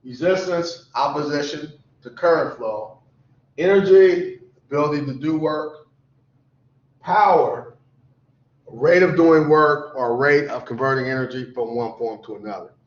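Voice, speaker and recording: A tired, sleepy man teaching a lecture class, repeating definitions slowly so students can write them down. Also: on the high side. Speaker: college instructor. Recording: echoey classroom, dull lo-fi sound.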